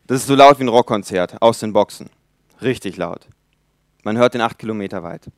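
A man in his twenties preaching a sermon in a church, emphatic, swinging between loud appeals and quiet asides. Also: on the low side, a little fast, no room sound, studio quality. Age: 20s.

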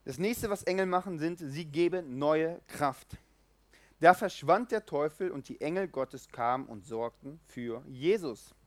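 A man gives a casual, animated sermon in a fairly high voice, recorded close and dry. He jumps between loud bursts and hushed asides, acting out the people in his stories. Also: unhurried, dry recording. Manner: lively, animated, acts out quoted voices, swings loud and soft. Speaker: preacher. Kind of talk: informal sermon.

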